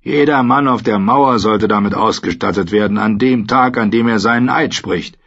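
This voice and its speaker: Guy doing a grumpy old commander, barks orders, raspy and a bit muffled. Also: fairly low pitch, moderate pace, a bit bright. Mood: gruff. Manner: gruff, barking. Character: gruff old commander, curt and stern.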